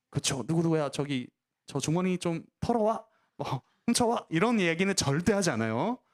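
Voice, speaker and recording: A male pastor with a fairly high-pitched voice preaches a sermon, animatedly telling a story to children and posing questions to his listeners that he then answers himself.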